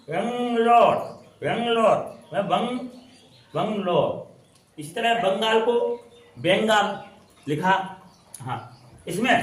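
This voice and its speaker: A man teaching English pronunciation in a classroom style, repeating and drawing out words as he explains. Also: sits high. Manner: repetitive, drawn-out spelling out of words. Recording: echoey room from far off.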